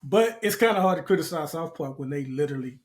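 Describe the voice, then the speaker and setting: A man's voice: a little high, animated, quick pace. A man co-hosting a barbershop-style podcast in casual chat, loose and joking with slang. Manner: loose, joking, uses slang like bro and fam. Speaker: podcast co-host.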